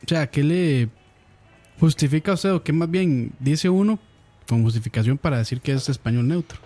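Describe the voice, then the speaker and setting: A man's voice: on the high side, lively intonation, moderate pace, warm tone, faint music behind. A man with a Costa Rican accent co-hosting a podcast, rambling and restarting in casual chat. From Costa Rica. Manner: rambling, restarts often, chatty. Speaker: podcast co-host.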